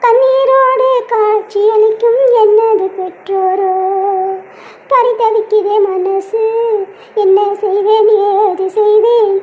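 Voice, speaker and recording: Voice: very high voice, fairly even intonation, slow, narrow, tinny audio, faint music behind. A voice actor playing a young cartoon wife who pleads tearfully, speaking and singing sad laments. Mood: sorrowful singing. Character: young wife torn between husband and parents. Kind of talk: Tamil cartoon voice acting with sung laments.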